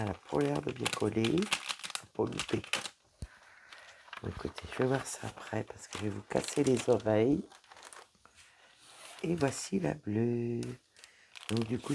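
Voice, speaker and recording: A woman's voice: very deep voice, vocal fry, background noise. A woman chatting casually through a crafting unboxing, talking straight to her viewers and leaning on fillers like "voilà". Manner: chatty, talks straight to viewers while handling items; frequent fillers like "voilà" and "donc". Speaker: crafting vlogger.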